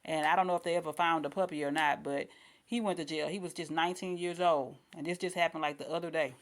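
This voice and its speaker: A woman's voice: deep voice, fairly even intonation, quick pace. A woman giving casual online commentary in a blunt, colloquial, repetitive way.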